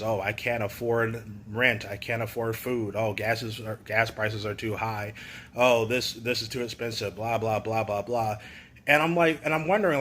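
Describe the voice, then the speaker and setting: A man's voice: medium pitch, bright, forceful tone, slight background noise. A man giving a casual, opinionated rant to camera, sarcastic and full of "you know" fillers. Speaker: YouTube commentator.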